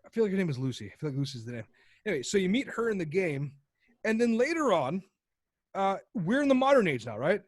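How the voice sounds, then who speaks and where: A man with a high, light voice talks in a loose, rambling way on a casual podcast. He swears freely and slips into the voices of the people in his stories. The sound is dry and close, with no room around it. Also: sing-song, fast talker, no echo. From United States. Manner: rambling, profane storyteller who acts out quoted characters. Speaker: podcast co-host. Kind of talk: casual chat.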